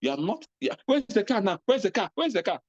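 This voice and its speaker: A man with a Nigerian accent giving a motivational talk, animated, acting out little scenes in a raised voice. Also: sits high, fast talker, no room sound, muffled recording. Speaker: speaker on personal finance.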